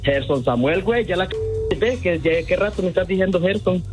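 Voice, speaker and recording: A man answering a prank phone call with deadpan, evasive wisecracks. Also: high-pitched, a little fast, over music. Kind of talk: phone conversation.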